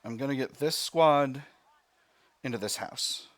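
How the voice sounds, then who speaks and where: A man's voice: mid-range voice, unhurried, no room sound. A man hosting a video game let's play, thinking aloud as he talks through each decision step by step with mild exclamations.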